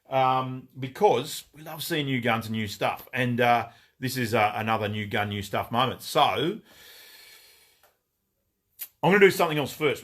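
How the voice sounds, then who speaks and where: A man's voice: medium pitch, fairly bright tone. A man with an Australian accent hosting a casual live stream from his shop, greeting viewers by name and rambling through new stock with fillers and jokes.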